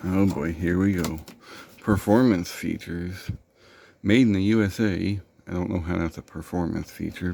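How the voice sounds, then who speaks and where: Deep and creaky, with a slightly mellow quality, this man's voice is captured dry. The host of an unboxing show, he meanders casually, full of fillers and self-corrections, and gets in dry, sarcastic digs at the product.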